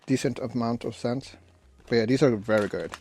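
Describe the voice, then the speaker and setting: Male snack reviewer, mid-pitched, casual and halting, with noise and crinkling bag rustle behind him. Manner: rambling, halting delivery with self-corrections. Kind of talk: casual unscripted food review. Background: crinkling snack bags and clicks.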